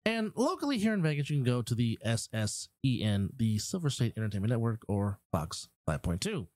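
A man's voice: mid-range voice, very animated, fairly quick, darkish tone, no room sound, clean studio sound. A man co-hosting a sports podcast, reading off viewing options in an upbeat, promotional way. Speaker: podcast co-host. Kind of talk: casual podcast talk.

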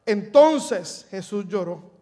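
Warm, high-pitched, and lively in intonation, a Puerto Rican man preaches at a slow pace in a church sanctuary. The pastor, who has a Puerto Rican Spanish accent, tells the story dramatically, acts out scripture, and jokes with the congregation.

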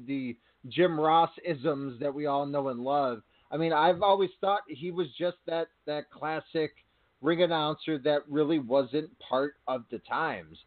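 A man co-hosting a wrestling podcast, laid-back and laughing easily in casual talk. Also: fairly high pitch. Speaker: podcast co-host. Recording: tinny phone-line audio.

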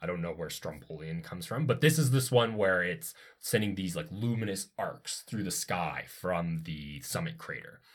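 A man's voice: deep voice, animated, normal speed, few pauses. A man co-hosting a casual educational chat, explaining science with enthusiastic, digressive asides. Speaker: podcast co-host explaining science.

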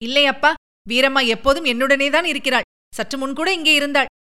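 A woman's voice: sits high, fairly quick, bright, forceful tone, voice pushed up. A woman voicing a restless lovesick young princess. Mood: complaining. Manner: pleading, emotional.

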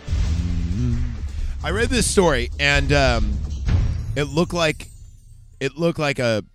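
A man's voice: mid-range voice, big pitch swings, slow pace, over music. A man from California co-hosting a podcast, telling rambling, profane stories in casual banter. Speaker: podcast co-host.

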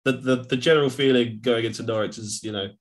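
A man's voice: mid-range voice, fast. A man co-hosting a podcast, chatting casually about football, rambling with lots of restarts and fillers. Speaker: podcast co-host.

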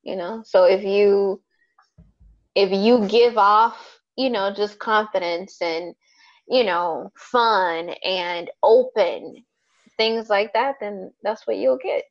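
A woman in her thirties talks through a casual podcast chat, frank and rambling and quick to swear. Her pitch sits in an ordinary middle range. The recording sounds somewhat dull and lo-fi. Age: 30s. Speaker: podcast co-host.

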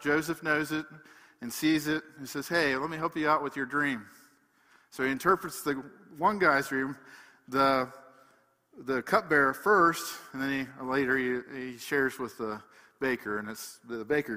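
A man preaching a sermon, emphatic, swinging between loud passages and hushed ones. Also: mid-range voice, big-room sound.

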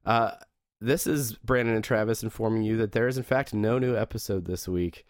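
A sick, hoarse man co-hosting a podcast over a video call, joking at his own expense. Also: lowish voice, a little fast, no echo, studio quality. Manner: self-mocking, laughs often. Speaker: podcast co-host. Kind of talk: casual chat.

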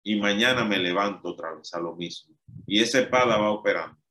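A man's voice: lowish voice, brisk, bright, forceful tone. A man preaching an emphatic, repetitive sermon. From Dominican Republic.

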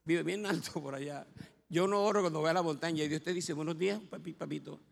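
A man's voice: a little high, fast talker, vocal fry. A man with a Puerto Rican accent, a pastor telling his life story as a sermon, with humor and acted quotes. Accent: Puerto Rican Spanish. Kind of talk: testimony sermon. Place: church sanctuary. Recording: long hall reverb.

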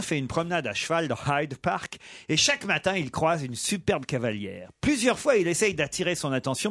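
A man hosting a live radio talk show, telling a long joke and teasing his guests. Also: a little high. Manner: lively storyteller, teasing.

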